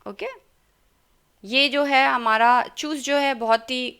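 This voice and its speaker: Slow, bright-voiced woman language teacher. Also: high voice, fairly even intonation, clear, resonant tone. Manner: patient, careful pronunciation, mixing Hindi and English. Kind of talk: online language lesson.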